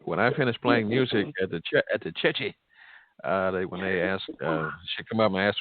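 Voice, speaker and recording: Guy host joking around, gravelly, dry tinny phone sound, casual chat. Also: low voice, fairly quick, no echo. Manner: teasing, joking. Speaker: host, pastor and church musician. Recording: dull, narrow phone-like sound.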